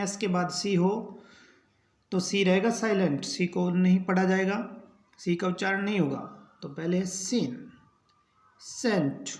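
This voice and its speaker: Spelling out words one letter at a time before repeating their pronunciation, a man teaches English in a slow lesson. His voice is high-pitched and creaky, and the recording sounds roomy.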